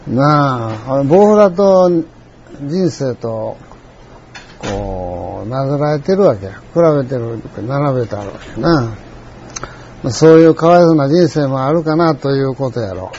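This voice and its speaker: An older man with a Kansai accent telling a rambling, reflective story in a folksy way, often clearing his throat. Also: mid-range voice, animated, measured pace, darkish tone, lo-fi sound, a little hiss or hum. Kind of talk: reflective monologue.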